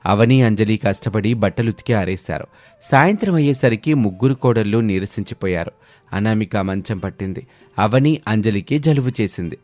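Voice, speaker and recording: A man giving scripted narration for a cartoon moral story in a steady, plain way. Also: lowish voice, normal speed, no room sound.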